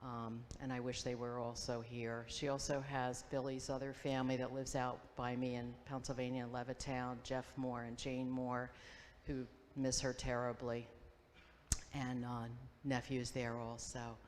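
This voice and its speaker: A woman in her fifties giving a memorial tribute, telling stories in a halting, reminiscing way and acting out quoted voices. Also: a bass voice, little pitch movement, slight background noise. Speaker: memorial speaker, old friend. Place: school auditorium. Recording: long hall reverb, faint ambience.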